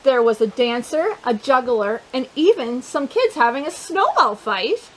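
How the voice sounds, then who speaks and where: A woman hosts a children's storytime, reading a picture book aloud in an animated, playful way and making chatty asides to her young listeners. Her voice sits high and she reads a little slowly, with poor audio quality.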